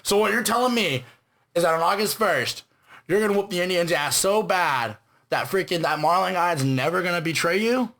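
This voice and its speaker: A man's voice: high-pitched, animated, fairly quick, bright, forceful tone, heavily acted. A man playing a pushy young debt collector who talks in slang and keeps sliding between put-on accents. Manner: pushy slangy talk, calls people fam and bros. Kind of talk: improvised comedy sketch.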